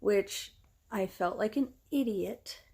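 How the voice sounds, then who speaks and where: A woman's voice: mid-range voice, takes it slowly, gravelly, dark tone, husky. A young woman from the United States chatting casually, her words muffled as if through cloth over her mouth. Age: young adult. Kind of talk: casual chat.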